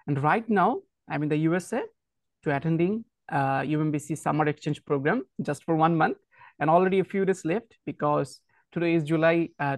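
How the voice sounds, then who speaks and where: Young man, student guest, earnest, hesitant, gravelly, dry close sound. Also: a little high, dry recording. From Bangladesh. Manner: earnest, hesitant, apologetic about his English. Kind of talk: self-introduction in an online class.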